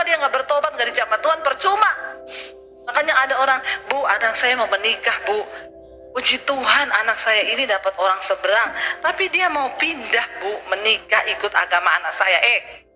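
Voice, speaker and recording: A woman's voice: sits high, sharp tone. A woman pastor preaching a sermon, telling a story and acting out the dialogue.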